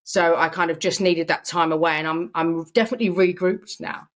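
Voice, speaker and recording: A woman's voice: lowish voice, steady tone, a little fast. A young adult woman co-hosting a casual podcast chat, earnest and reflective, with frequent "you know" fillers. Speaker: podcast co-host.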